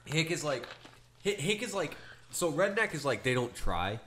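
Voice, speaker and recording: A man's voice: on the high side, big pitch swings, normal speed, sharp tone, slight background noise. A young man co-hosting a casual chat, rambling with many fillers and restarts. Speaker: podcast co-host.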